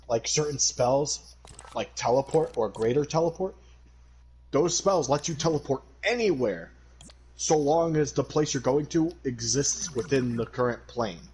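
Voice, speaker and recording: A man in casual stream chat, excitable and rambling, breaking into dramatic outbursts. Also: medium pitch, husky.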